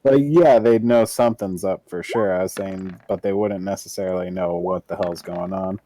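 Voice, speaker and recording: A man's voice: low voice, fairly even intonation, moderate pace, dark tone. A man playing a tabletop game, laid-back and reasoning things out. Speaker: player. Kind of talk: casual table talk.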